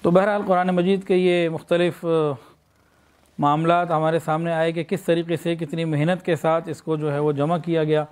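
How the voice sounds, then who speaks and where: A man's voice: a little high, little pitch movement, darkish tone, clean tone. Man preaching with rhetorical questions. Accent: Pakistani Urdu. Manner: explains with rhetorical questions, then leads slow recitation. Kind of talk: sermon.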